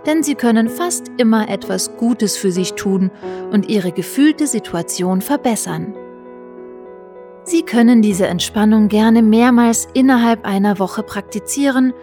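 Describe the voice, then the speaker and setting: Mellow, slow woman guiding a relaxation. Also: medium pitch. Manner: slow, soothing, measured. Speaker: guided relaxation narrator. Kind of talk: scripted guided meditation narration. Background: music.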